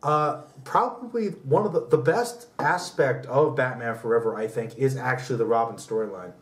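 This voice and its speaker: In a relaxed pop culture debate, this podcast co-host rambles and shares strong opinions at a normal speed in a mid-range male voice. The room echoes noticeably, and he sounds distant from the microphone.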